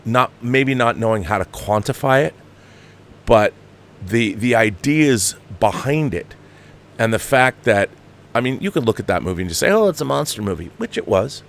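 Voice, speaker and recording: An American man in his fifties hosts a show and gives impassioned, off-the-cuff film commentary. His lowish voice is expressive, and his delivery is emphatic, halting and digressive.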